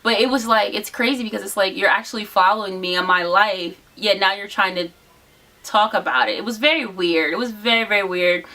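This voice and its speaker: A woman's voice: mid-range voice, steady tone, a little fast, sharp tone, far from the mic, poor audio. A woman talking casually in a personal vlog, emphatic and defensive as she recounts a dispute and quotes what people said. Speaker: vlogger.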